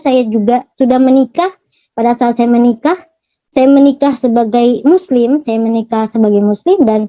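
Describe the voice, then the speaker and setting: A young woman from Gorontalo giving a personal religious testimony, speaking haltingly with many fillers and restarts. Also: fairly high pitch, dark tone, no room sound, dull audio. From Gorontalo, Indonesia. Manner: addresses listeners as "Saudara". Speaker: testimony giver.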